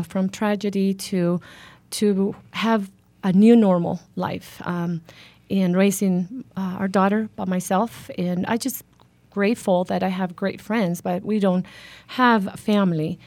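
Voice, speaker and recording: A woman's voice: mid-range voice, fairly even intonation, measured pace, warm tone, no room sound. A middle-aged woman from Honduras, a guest in a radio interview, speaking earnestly and hesitantly with many fillers. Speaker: guest, foundation founder.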